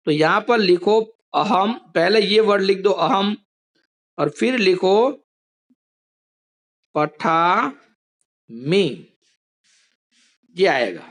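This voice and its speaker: In an online class, a male teacher with a fairly high voice moves slowly through a lesson. He is patient and explains every step carefully for students joining by video call.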